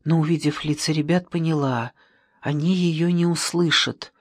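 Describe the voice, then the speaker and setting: An audiobook narrator reading a story in a steady, measured way. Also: medium pitch, no echo, clean studio sound.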